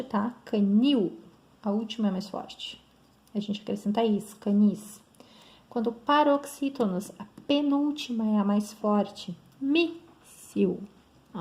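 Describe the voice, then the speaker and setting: A woman with a Brazilian Portuguese accent teaches grammar online, explaining step by step and checking in often with her students. Her voice is a little high and a little mellow, with vocal fry.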